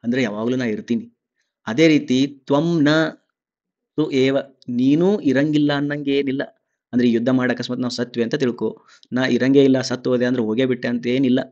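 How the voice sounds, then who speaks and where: A man teaches scripture verse by verse. He chants each verse slowly, then explains it in relaxed, chatty dialect at a mid pitch. The recording sounds a little dull and lo-fi. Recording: slightly dull lo-fi audio.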